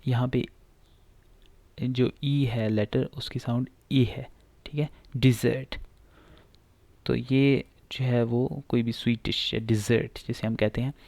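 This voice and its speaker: A man with a gravelly, middle-pitched voice teaches pronunciation. He explains patiently and says each word again and again, with many filler sounds. His voice is recorded dry, with no room sound. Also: fairly even intonation, measured pace, darkish tone, no echo. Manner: frequent filler sounds and "theek hai".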